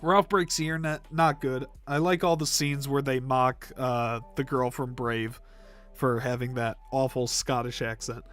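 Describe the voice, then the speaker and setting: A man's voice: mid-range voice, steady tone, measured pace, a bit bright, soft background music. A young man livestreaming, ranking movies in casual chat, rambling with fillers and coughing now and then. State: coughing, throat irritated. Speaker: live stream host.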